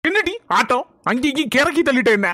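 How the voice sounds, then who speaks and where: A woman's voice: high voice, animated, quick pace, loud music behind the voice, pitched below the performer's own voice. A woman voicing a brusque, impatient husband in a Tamil cartoon, with a Kanyakumari accent. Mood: scolding. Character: gruff impatient husband, adult man.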